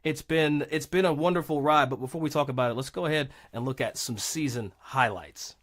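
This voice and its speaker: A man hosting a live golf tour broadcast, energetic and folksy as he lays out the day's storylines. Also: medium pitch, brisk. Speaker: host.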